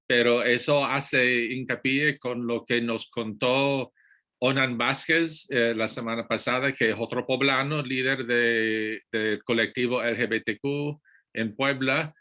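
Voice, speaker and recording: A man's voice: mid-range voice, steady tone, measured pace, sharp tone. A man hosting a talk, politely chiming in to connect the speaker's points to earlier guests. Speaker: host, moderator. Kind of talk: moderating a talk.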